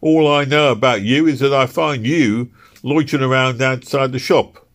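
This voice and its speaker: Brusque night policeman, put on by a male reader, suspicious, pushed high and loud. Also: moderate pace, close to an everyday voice. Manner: brusque, interrogating. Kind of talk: audiobook character voice.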